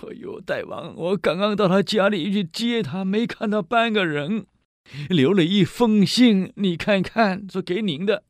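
A man's voice: high voice, animated, a little slow, dry recording, clean studio sound, voice pushed up. A man voicing a hearty, generous male chancellor who talks jovially and insistently. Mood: flustered.

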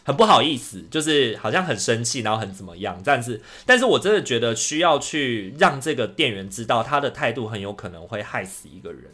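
A man, co-hosting a casual podcast and retelling a story in an animated, indignant way. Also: medium pitch, a little fast, hardly any pauses. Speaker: podcast co-host.

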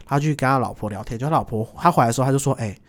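A young adult man, a guest, telling stories in a lively casual chat and acting out the voices of people in them. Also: medium pitch. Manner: animated, quick, acts out voices in his stories.

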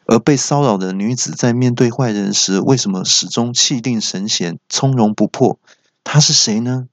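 A man hosting a comedy podcast, telling a comic story in an animated, playful way and stammering for effect. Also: mid-range voice, normal speed, no room sound. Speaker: podcast host.

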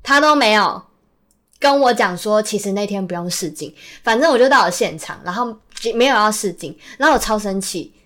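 A young adult woman, a podcast guest and actress, telling a story in casual chat, animated and quick to act out the people she quotes. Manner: animated, acts out quoted people with a lowered soft voice; bursts into loud laughing exasperation.

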